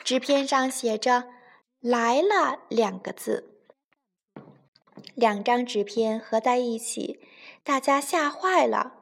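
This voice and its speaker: A woman telling a children's bedtime story in a gentle, expressive way. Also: on the high side, takes it slowly, creaky, long pauses.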